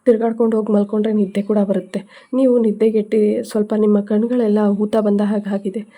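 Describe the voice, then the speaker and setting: A woman's voice: medium pitch, flat delivery, a little fast, mellow, natural voice. A woman voicing a caring young man who speaks in a soothing, coaxing way. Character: gentle young man, caring son-in-law.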